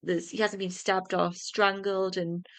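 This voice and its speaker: A woman's voice: medium pitch, flat delivery, a little slow, fairly bright tone. A young woman co-hosting a podcast who reads a prepared story and breaks off into chat. She often trips over words and corrects herself. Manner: stumbles and restarts, then corrects herself. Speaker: podcast co-host.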